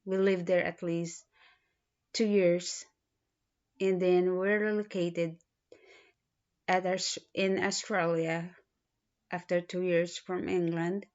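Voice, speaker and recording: A woman in her thirties from the Philippines, speaking with a Filipino accent, introducing herself in a halting way with many pauses and restarts. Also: on the low side, flat delivery, darkish tone. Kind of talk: self-introduction video. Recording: dull lo-fi recording.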